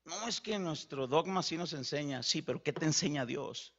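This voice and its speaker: A man preaching a sermon as pastor, animated and acting out dialogue. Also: fairly high pitch, normal speed, gravelly. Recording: dull lo-fi.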